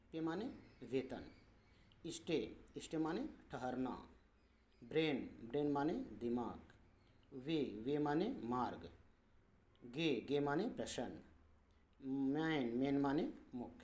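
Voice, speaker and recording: Slow, patient male teacher. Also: mid-range voice, a little mellow. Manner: patient, repeats words and meanings, drawn-out vowels. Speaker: English teacher. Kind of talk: slow explanatory lesson.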